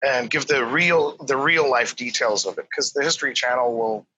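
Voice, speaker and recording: A slightly rough, medium-pitched male voice speaks at a moderate pace on a rough recording. He's a guest on a podcast, raised in Korea and a native English speaker, chatting in a relaxed way full of hesitations and fillers.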